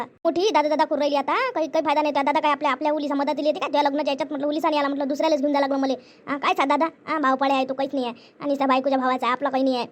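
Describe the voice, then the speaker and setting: A woman tells a family story in a chatty way. She repeats herself often, reassures the others and gossips about the family. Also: sits high. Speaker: storyteller voicing family members. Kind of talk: conversational family skit.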